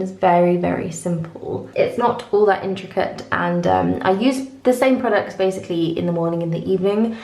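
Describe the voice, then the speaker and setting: A woman chats informally to camera as she walks through her routine. Her voice sits a little low with plenty of vocal fry, and it rings off the walls of an echoing bathroom. The delivery is casual, with self-deprecating asides. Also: a little mellow. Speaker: beauty vlogger. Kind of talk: casual chat to camera, morning routine walkthrough. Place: small indoor bathroom. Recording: echoey tiled bathroom.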